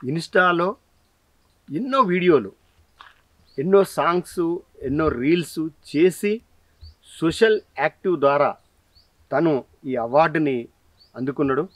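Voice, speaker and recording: A man with a Telangana Telugu accent hosting a talent show and interviewing a guest, energetic and promotional. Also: on the high side, measured pace, long pauses, no room sound. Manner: energetic, promotional, frequent mm-hm backchannels. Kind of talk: casual interview.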